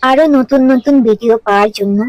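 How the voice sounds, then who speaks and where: A woman's voice: a little high, fast talker, dry recording, poor audio. A woman narrating a children's cartoon story in a plain, friendly way.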